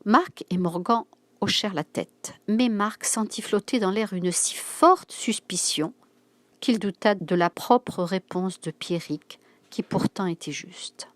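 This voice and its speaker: A woman narrating a novel aloud in steady, clear storytelling style, voicing the dialogue herself. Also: mid-range voice, slow, no echo.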